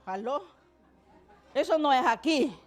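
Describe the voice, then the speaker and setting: A woman's voice: high voice, expressive, slow pace, a faint crowd. A woman preacher giving an emphatic sermon to a church congregation, calling out to the people. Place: church service.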